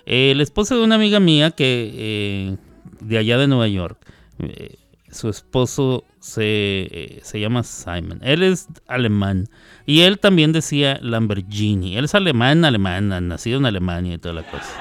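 A man's voice: lowish voice, very animated, normal speed, smooth, no room sound. A Mexican man in his fifties hosting a radio show, rambling and playful in casual chat, correcting himself as he goes. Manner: chatty, digressive, playful, self-correcting. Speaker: radio host. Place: radio studio.

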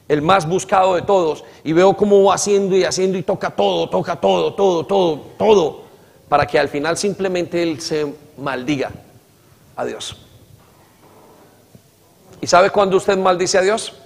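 A man's voice: high voice, vocal fry. A man preaching a sermon, asking the congregation to repeat after him and acting out quoted dialogue with emphasis. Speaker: pastor. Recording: reverberant hall.

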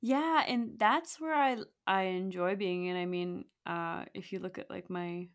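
Speaking at a measured pace with a fairly low pitch, a woman appears as a guest in a casual podcast conversation. She talks reflectively and loosely, using many fillers and laughing often.

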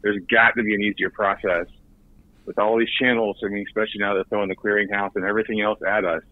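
A man's voice: fairly low pitch, little pitch movement, fast, no room sound. A man, a guest on a podcast interview, talking in an earnest way and often repeating words as he restarts. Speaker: recruiting director guest. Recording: tinny phone line.

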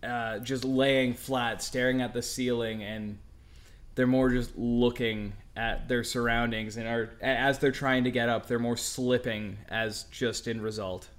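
A man's voice: medium pitch, level tone, measured pace, a bit bright. A man running a tabletop game as game master, narrating scenes vividly and chuckling now and then.

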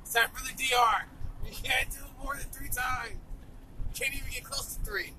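A young man with a strikingly high voice trades crude stories and laughs with friends. He sits back from the mic in a moving car, with clear road noise under him. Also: normal speed, bright, forceful tone, far from the mic, poor audio. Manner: boisterous, laughs often, crude. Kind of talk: casual chat.

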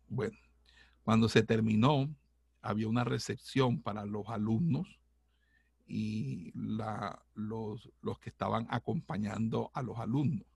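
A middle-aged man, a pastor, giving a heartfelt personal testimony in a halting way, with many restarts. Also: fairly low pitch, gravelly, a little mellow, husky, no echo, studio quality.

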